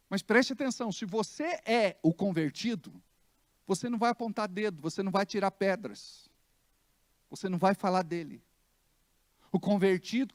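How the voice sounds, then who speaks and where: A man's voice: high voice, no echo, studio quality. A Brazilian man preaching as pastor in a church, emphatic and acting out stories. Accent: Brazilian Portuguese. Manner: emphatic preaching with dramatized anecdotes. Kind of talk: sermon.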